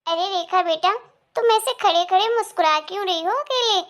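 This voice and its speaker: Woman doing a fussy older mother-in-law. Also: moderate pace. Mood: fussing. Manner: fussy, scolding, higher and louder. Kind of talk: animated storybook voice acting.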